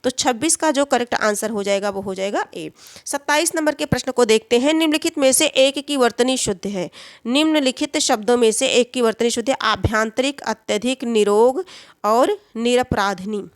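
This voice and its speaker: A woman's voice: on the high side, moderate pace, no echo, studio quality. A woman teaching a Hindi spelling exam lesson, who repeats each answer and asks and answers her own questions.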